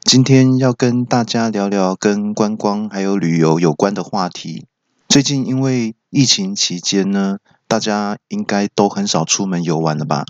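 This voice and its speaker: A man's voice: lowish voice, normal speed, darkish tone, no echo, lo-fi sound. A man with a Taiwanese Mandarin accent hosting a comedy podcast, telling funny stories and acting out the dialogue. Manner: jokey, acts out dialogue with raised voice. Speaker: podcast host. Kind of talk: stand-up style storytelling.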